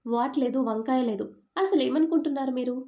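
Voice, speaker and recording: A woman's voice: high-pitched, a little fast, highs cut off, natural voice. A woman voicing a stubborn, suspicious young woman who fires off accusing questions.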